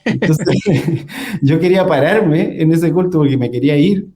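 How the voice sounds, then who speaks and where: A man's voice: on the high side, a little slow, mellow. A young man, telling a personal story in casual conversation, with many fillers and small laughs. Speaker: guest.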